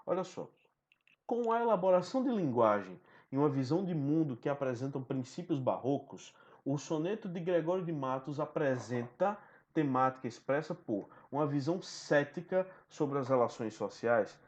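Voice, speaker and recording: A man's voice: fairly high pitch, expressive, normal speed. A man teaching a recorded online lesson, explaining step by step and often checking in with the listener. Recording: dull lo-fi sound.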